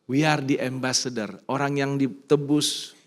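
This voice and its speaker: A middle-aged man with an Indonesian accent, a pastor preaching a sermon, animated and emphatic at times and soft and personal when telling his own stories, mixing in English phrases. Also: mid-range voice, a little slow. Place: church sanctuary.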